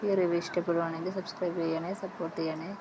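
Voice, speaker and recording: A woman hosts a serial review, giving a casual, rambling recap full of fillers. Her voice sits low and barely moves in pitch. A faint ambient hum sits under the recording. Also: level tone, very fast, dull audio.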